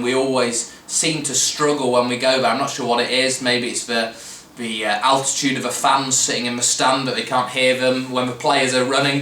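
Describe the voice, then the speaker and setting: Chatty football fan guy rambling on, bright voice, echoey room a bit off mic. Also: medium pitch. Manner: chatty, rambling with restarts and fillers. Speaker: fan podcast host. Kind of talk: casual football preview talk. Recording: roomy echo, mic at a distance, faint background noise.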